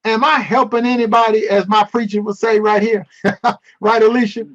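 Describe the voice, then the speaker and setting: A man's voice: sits high, little pitch movement, normal speed, lo-fi sound. A man teaching a casual online Bible class over a video call, playful and teasing as he answers the chat.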